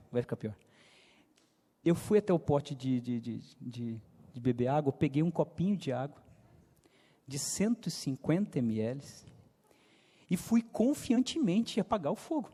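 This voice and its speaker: Man, brazilian youth preacher, fairly high voice, mellow tone, storytelling sermon, church hall echo. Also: breathy edge. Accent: Brazilian Portuguese, São Paulo countryside. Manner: lively storyteller, voice swings loud and soft. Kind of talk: sermon told as a personal story.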